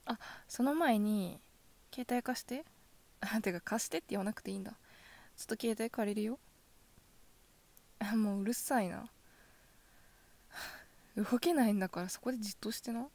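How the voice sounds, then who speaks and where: A woman voicing a possessive yandere girlfriend in a soft ASMR role-play, sweetly coaxing with quiet menace. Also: mid-range voice, moderate pace, long pauses, lightly acted. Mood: gloating, coaxing. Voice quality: soft, often dropping in a soft voice. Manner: yandere: sugary coaxing turning quietly threatening.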